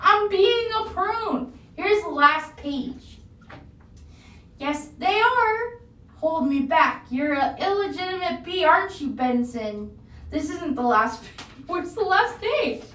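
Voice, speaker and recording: Giggly woman, very high voice, echoey bathroom. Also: animated, takes it slowly, a bit bright, distant mic. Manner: giggly and rambling. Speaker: streamer. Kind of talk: casual live-stream chat. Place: bathroom, in a bubble-bath tub. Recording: echoey bathroom, voice away from the mic.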